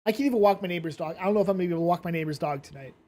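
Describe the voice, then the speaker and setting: A man hosts a casual commentary stream, rambling and blunt, swearing freely, and sounding drowsy from medication. His voice is high-pitched and dark in tone, and he talks very fast.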